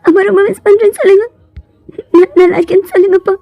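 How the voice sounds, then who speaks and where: Sobbing young girl voiced by a woman, stammering, pleading, audio story, high and dark-toned. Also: fairly even intonation, fast, no room sound, soft background music. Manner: stammering through sobs. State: crying. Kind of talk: fan fiction voiceover.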